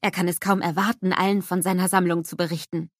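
A woman narrating a scripted children's story in a lively storybook manner. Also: lowish voice, fast talker, no echo, clean studio sound.

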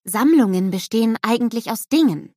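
A woman voicing a kind, patient female schoolteacher who corrects gently. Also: on the high side, animated, normal speed, dry recording, studio quality, voice pushed up. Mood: gentle.

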